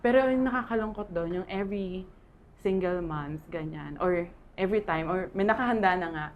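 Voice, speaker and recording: A woman's voice: fairly low pitch, normal speed, lo-fi sound, a little hiss or hum. A Filipino woman in her thirties, candidly sharing a painful personal testimony and laughing often as she talks.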